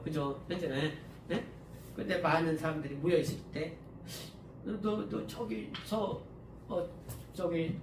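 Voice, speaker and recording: A high-pitched male pastor preaches in a church hall in a conversational way, often asking the congregation to agree and sometimes swelling into louder passages with sudden jumps in volume. His speech has many fillers and restarts. The room is echoey, the mic sits at a distance, and a faint hum runs underneath.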